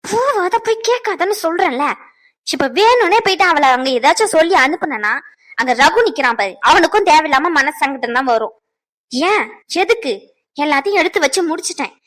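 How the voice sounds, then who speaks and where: An actress playing a patient married daughter who calmly pleads with her mother, in a serial drama. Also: high voice, a little fast. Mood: soothing, pleading. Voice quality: soft, pleading, placating.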